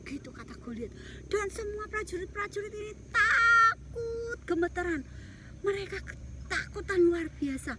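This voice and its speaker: A woman telling a bedtime story to children in a lively, exclamatory way. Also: very high-pitched, moderate pace, very noisy.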